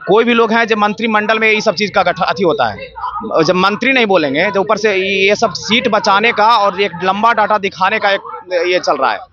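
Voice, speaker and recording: A man's voice: sits high, normal speed, sharp tone. A man, a protesting teacher candidate, speaking aggrieved in a street interview and firing off rhetorical questions. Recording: dull lo-fi street recording.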